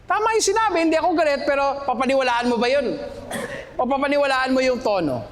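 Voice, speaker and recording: High-voiced man coaching a live hall. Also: fast. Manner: lively, asks the audience questions, switches between Tagalog and English. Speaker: communication coach. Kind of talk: live seminar talk to an audience. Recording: long hall reverb, faint room noise.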